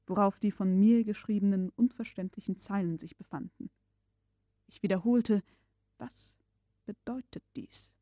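A woman reading a classic novel aloud as an audiobook narrator, in a calm, measured and expressive storytelling manner. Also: medium pitch, no echo. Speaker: audiobook reader.

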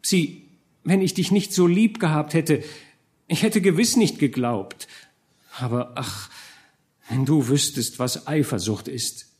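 A man's voice: fairly high pitch, slow, long pauses, darkish tone, voice pushed up. A man reading an audiobook, voicing an honest, jealous young knight in an earnest, slightly raised voice. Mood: apologetic. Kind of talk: audiobook character voice.

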